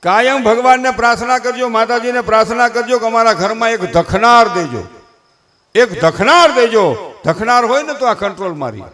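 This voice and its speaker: A man's voice: very high-pitched, animated, normal speed, a bit bright. An older man with a Kathiyawadi Gujarati accent, a folk comedian on stage before a live audience, mixing humorous stories with preachy moral advice in rustic dialect.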